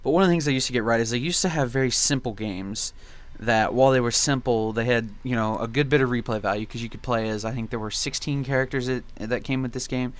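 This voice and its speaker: A man's voice: medium pitch, fast, hardly any pauses. A young man reminiscing casually in gameplay commentary, with a laid-back, rambling and nostalgic way of talking. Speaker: video game commentary host.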